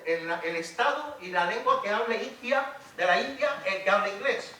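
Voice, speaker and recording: In a lecture hall, a middle-aged man delivers an ironic public lecture at normal speed, his high voice expressive, pushed and bright. He hesitates and restarts frequently, and the distant mic captures roomy echo and faint noise.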